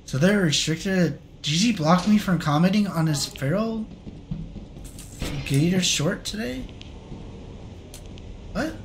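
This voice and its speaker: High bright excitable young man gaming. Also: slight background noise. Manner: excitable, laughing, talks to chat. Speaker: streamer. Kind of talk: casual gaming chat.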